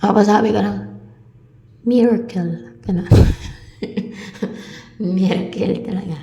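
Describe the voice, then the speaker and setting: A woman's voice: mid-range voice, slow pace, mellow, echoey room, lo-fi sound. A woman giving a meandering spiritual talk to her viewers, repeating herself and sometimes dropping into a whisper. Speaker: spiritual reader.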